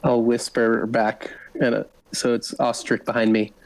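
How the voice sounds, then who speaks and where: A man's voice: medium pitch, little pitch movement, measured pace, poor audio. A man playing in a tabletop game, talking casually and a little hesitantly. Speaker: player.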